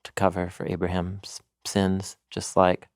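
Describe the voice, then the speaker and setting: Male co-host, lowish voice, eager teacher explaining scripture, dry close recording. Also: measured pace, no echo. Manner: animated explainer, quotes scripture in storytelling voice. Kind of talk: conversational teaching.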